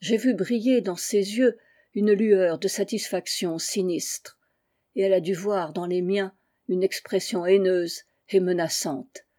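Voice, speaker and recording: Woman reading an old story aloud, first person, mellow warm voice, kinda feverish. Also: mid-range voice, measured pace. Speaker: audiobook reader. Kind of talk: first-person literary narration.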